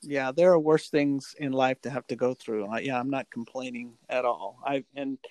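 A man in his forties co-hosts a casual podcast chat, speaking reflectively with many fillers and restarts. His medium-pitched, darkish voice keeps fairly even intonation at a moderate pace, in a rough recording with no echo.

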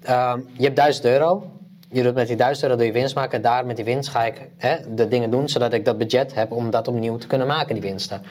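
A man co-hosting a podcast, chatting casually with a lively, enthusiastic delivery and many restarts. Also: mid-range voice, quick pace. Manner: animated, enthusiastic, lots of restarts. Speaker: podcast co-host. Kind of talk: casual chat.

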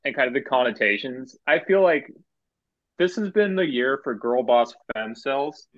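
A man with a middle-pitched voice rambles through his thoughts, leaning on "like" and tossing in curses. His sound comes through dull and muffled, as from a lo-fi mic. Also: lively intonation, moderate pace, dry recording. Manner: rambling with many fillers and casual swearing. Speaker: podcast co-host. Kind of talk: casual chat.

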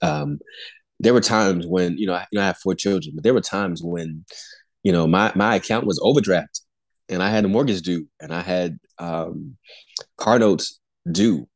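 A man's voice: low voice, expressive, moderate pace, creaky, dry recording. A man in his forties, a pastor and airman, sharing an earnest faith testimony in a podcast conversation, often restarting and repeating words with small chuckles. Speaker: pastor and Air Force airman, podcast guest.

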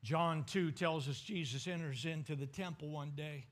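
A male pastor preaching a sermon with dramatic swings between loud bursts and hushed asides. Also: on the high side, moderate pace.

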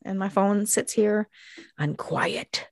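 A woman's voice: mid-range voice, slow, vocal fry. A woman co-hosting a podcast, chatting casually and rambling with lots of fillers from her craft room at home. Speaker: podcast co-host. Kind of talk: casual chat.

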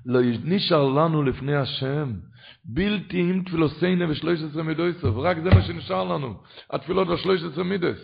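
Man, rabbi teaching a Torah class, fairly high voice, impassioned lecture, dull lo-fi recording. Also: gravelly. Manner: impassioned, rising to chanting.

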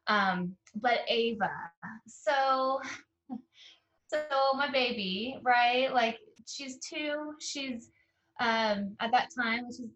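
A young woman, an interview guest, tells a personal story in a casual, earnest way, halting often with fillers and restarts. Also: on the high side, a bit bright, low-quality recording. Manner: emotional and earnest.

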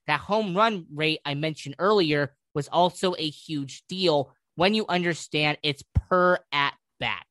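Male sports radio host, unhurried and emphatic, rhetorical, very dry sound. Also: on the high side, a bit bright, dry recording. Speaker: sports talk show host. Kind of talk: sports commentary to listeners.

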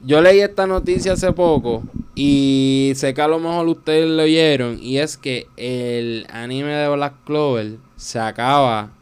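A man with a Puerto Rican accent, hosting a casual chat and telling animated, profane stories. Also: medium pitch, a little slow, few pauses, slight background noise. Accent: Puerto Rican Spanish. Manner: animated, profane, acts out his own anecdotes. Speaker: podcast host.

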